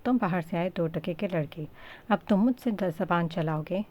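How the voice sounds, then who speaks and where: A woman's voice: medium pitch, a little fast, warm tone, lightly acted. A woman voicing a scheming, gloating middle-aged villainess in a romance audiobook, with a mocking, taunting manner.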